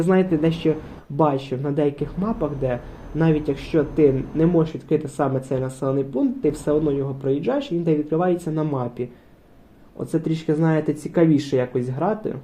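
In this casual let's-play, a male gaming channel host talks his way through a truck game, meandering and using lots of fillers. He sounds a little high and mellow, and there's a bit of hiss or hum.

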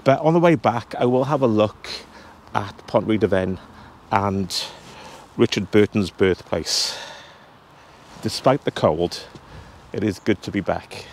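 Out on a cold hillside, a man in his fifties strolls and talks directly to his audience in a relaxed travel vlog. He speaks in a lowish, unhurried voice into a handheld camera at arm's length, and a little background noise comes through.

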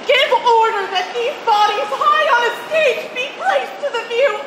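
A loyal, grieving scholar in a Shakespeare tragedy acted by a woman declaims earnestly. The voice is very high and carries an echo. It is recorded from a distance on an outdoor stage with crowd noise. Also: unhurried. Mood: solemn. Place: open-air plaza stage at night. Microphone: far camera. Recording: echoey noisy outdoor stage, distant camera.

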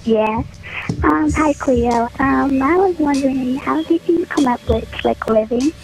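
A woman in her twenties calling a radio show, shy and soft-spoken as she asks her question. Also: sits high, unhurried, vocal fry, rough recording. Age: 20s. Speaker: caller.

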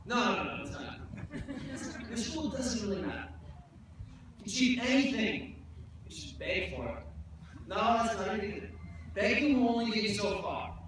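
A man's voice: high voice, lively intonation, moderate pace, pauses often, a bit bright. A young man giving a graduation speech from a podium on an outdoor stage, earnest with self-deprecating jokes. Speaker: commencement speaker. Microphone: podium mic, filmed from far off. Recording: echoey PA sound from far off, noisy.

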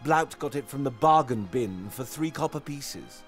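A man's voice: mid-range voice, expressive, a little slow, soft background music. A man voicing an articulate, theatrical and courteous ogre in a video game, florid and precise. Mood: matter-of-fact. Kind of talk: video game character acting.

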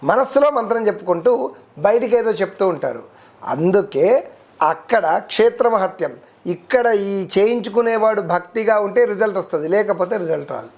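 A man, a devotional guest explaining worship rules in a steady, teacherly way, listing terms one by one. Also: high voice, moderate pace. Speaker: devotional guest speaker on ritual. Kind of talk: explanatory interview talk.

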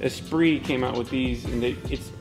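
Over loud background music, a man with a medium-pitched, steady voice at normal speed shows off his race car in a workshop. It's a casual walkaround chat: he repeats words, restarts sentences, and gets enthusiastic about the parts.

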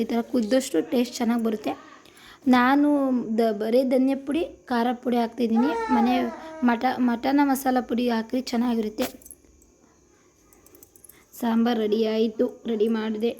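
A woman's voice: on the high side, warm tone, slight background noise. A woman from Karnataka casually narrating a cooking vlog in her home kitchen, chatty and homely, repeating her phrases. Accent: Kannada, Karnataka. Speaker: vlogger.

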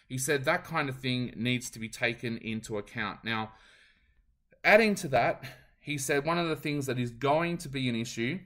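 A man's voice: medium pitch, fairly bright tone. A man with an Australian accent hosting a podcast, giving solo commentary in a loose, conversational way and passing on what promoters told him. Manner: conversational, frequent ums, relays what others told him. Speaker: podcast host.

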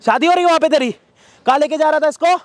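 A man's voice: very high-pitched, rapid-fire, crowd noise. A man acting an angry bystander who confronts a harasser, barking the same questions again and again outdoors. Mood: aggressive. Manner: aggressive, barking repeated questions.

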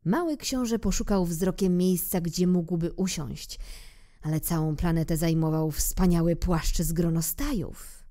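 Calm woman reading a kids' story aloud, slow and mellow. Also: lowish voice. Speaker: audiobook reader. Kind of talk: storybook narration.

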